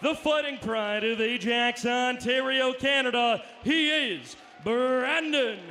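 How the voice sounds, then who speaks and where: Ring announcer guy, high bright voice, big drawn out calls, faint hum behind. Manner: booming, drawn-out announcing with bits of Spanish. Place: arena.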